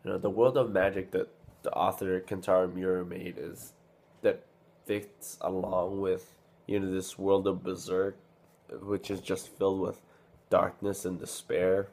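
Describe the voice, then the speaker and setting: Male vlogger, very low voice, loose rambling delivery full of fillers, slightly under the weather. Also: flat delivery, a little slow, darkish tone. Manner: rambling, many fillers and restarts. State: a little sick. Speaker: vlogger reviewing a manga. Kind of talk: casual unscripted talk to camera.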